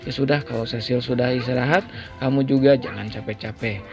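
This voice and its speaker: A doting young husband fusses and coaxes his wife, as a man reads him in a gravelly voice of medium pitch. Soft music plays underneath. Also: fairly even intonation, fairly quick, natural voice. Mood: worried. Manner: coaxing, fussing. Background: background music.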